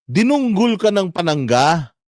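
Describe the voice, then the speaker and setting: A man's voice: high voice, very animated, measured pace, a little mellow, no room sound, clean studio sound. A man hosting his own vlog, delivering a sarcastic political commentary rant and swearing often. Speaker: vlogger host.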